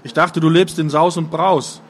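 A man's voice: fairly high pitch, steady tone, moderate pace, gravelly, slight background noise. Casting: male reader as a bitter young man, curt and biting, slightly raised voice. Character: bitter young man confronting his father.

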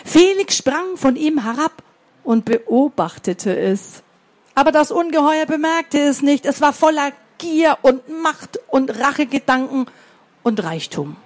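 Woman storyteller for kids, high voice, unhurried and expressive. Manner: slow, expressive, asks the children questions. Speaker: storyteller for children. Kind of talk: reading a story aloud to children.

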